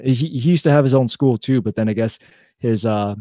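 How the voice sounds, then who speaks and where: A man's voice: medium pitch, a little fast, warm tone, no room sound, clean studio sound. A young man chatting casually on a podcast, rambling with many fillers and restarts. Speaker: podcast co-host. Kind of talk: casual chat.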